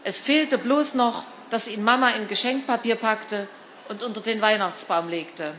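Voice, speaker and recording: A woman narrating a children's storybook in an expressive, lively reading style. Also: fairly high pitch, measured pace, a little hiss or hum. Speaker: storybook reader.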